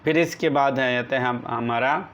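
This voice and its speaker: A man teaching English grammar. He dictates definitions slowly and then explains them quickly in everyday speech. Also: mid-range voice, fairly bright tone, a little hiss or hum. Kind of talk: classroom grammar lesson, mixing Urdu and English.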